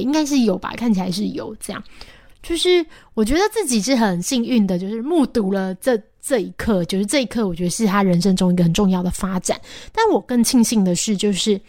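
A woman's voice: medium pitch, no room sound, clean studio sound. Chatty young mother. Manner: chatty, many fillers and soft asides. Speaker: podcast host. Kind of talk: casual storytelling monologue.

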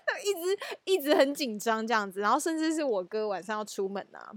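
A woman's voice: a little high, quick pace, no room sound. A woman with a Taiwanese Mandarin accent co-hosting a podcast in casual chat. She talks animatedly and laughs often. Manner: animated, laughs often, acts out family scenes. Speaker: podcast co-host.

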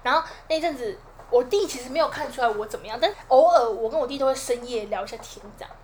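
A young woman with a Taiwanese Mandarin accent, chatting quickly and casually as a podcast co-host. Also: high-pitched, darkish tone, a little hiss or hum. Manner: quick, chatty, laughs along. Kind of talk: casual chat.

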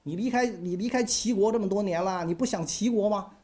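A man playing a scheming, ambitious general who talks in a smooth, ingratiating way. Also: high-pitched, brisk, a little mellow, pitched above the performer's own voice, natural voice. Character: scheming ambitious male general, falsely friendly.

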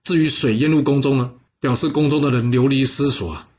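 A man voicing a doomed male court fortune-teller who speaks low, hushed and resigned. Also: steady tone, fairly quick, lightly acted. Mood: solemn.

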